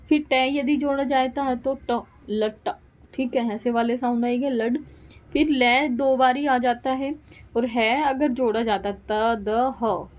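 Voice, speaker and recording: A woman's voice: fairly high pitch, darkish tone. A woman giving a Hindi grammar lesson, explaining rules step by step and repeating each example aloud. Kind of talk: classroom lecture.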